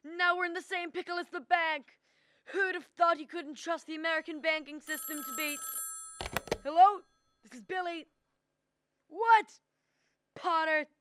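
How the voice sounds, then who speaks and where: A woman's voice: very high voice, measured pace, long pauses, a bit bright, slight background noise. A teenage girl acting a flustered, panicky uncle in an amateur radio drama, fretful and exclaiming. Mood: exasperated. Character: flustered, panicky older uncle working at a small loan firm.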